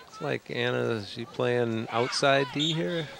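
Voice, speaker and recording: A man's voice: mid-range voice, a little slow, creaky. A middle-aged man giving casual, chatty, descriptive live soccer commentary outdoors. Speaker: soccer announcer. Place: outdoors at an evening soccer field. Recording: outdoor recording with crowd and noise.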